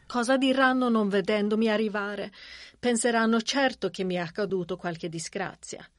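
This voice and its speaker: A man voicing a meek, tearful middle-aged Swedish woman in an audiobook, soft-spoken and plaintive. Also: high voice, moderate pace, no echo, studio quality, pitched above the performer's own voice, lightly acted.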